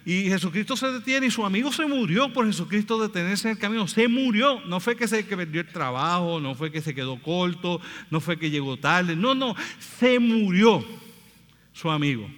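A man's voice: sits high, fairly bright tone. A man preaching a sermon as pastor, passionately retelling scripture stories and acting out their dialogue. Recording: long hall reverb.

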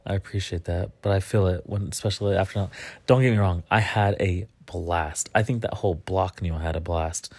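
A man's voice: low-pitched, fairly even intonation, a little fast, darkish tone. A man in his mid-thirties co-hosting a casual podcast chat with his wife, laid-back and rambling, poking fun at himself. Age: 30s. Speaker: podcast co-host.

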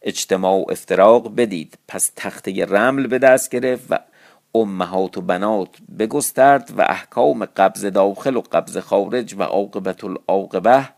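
Gravelly man reading an old tale. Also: lowish voice, darkish tone. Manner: explains old terms in plain speech. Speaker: storyteller. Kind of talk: reading a classical tale aloud with casual asides.

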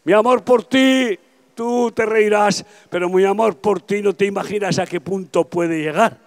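A man in his seventies with a Spanish accent from Spain, preaching an impassioned open-air evangelistic sermon that swings between soft confiding and shouting. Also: high voice, moderate pace. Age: 70s. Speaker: pastor. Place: outdoors at a campaign event.

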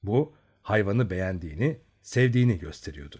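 A man reading a novel aloud as an audiobook narrator, in an expressive, storytelling way. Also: lowish voice, brisk, slightly rough. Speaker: audiobook reader.

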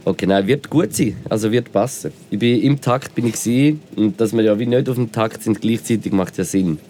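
Man, Swiss German accent, low voice, podcast co-host, giggly, teasing, phone mic, faint hiss. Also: fairly quick, warm tone. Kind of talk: casual chat over a remote call. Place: at home in his room. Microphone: phone and clip mic near the body.

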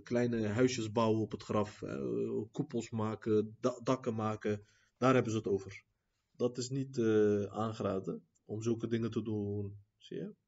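A man gives a religious lesson in a relaxed, mellow tone, reading passages quickly before explaining them slowly with frequent fillers. He checks in with his listeners again and again. The recording is muffled and dull. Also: on the low side. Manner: reads quotes quickly, then explains at length with many fillers and "zie je?" asides. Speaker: religious teacher.

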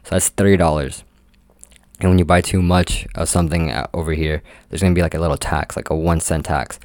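A man's voice: low-pitched, fairly even intonation, brisk, a little mellow, dry recording. A young man telling a work story in a casual, rambling way, full of "like" fillers. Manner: rambling, heavy use of "like" fillers. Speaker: amusement park game attendant.

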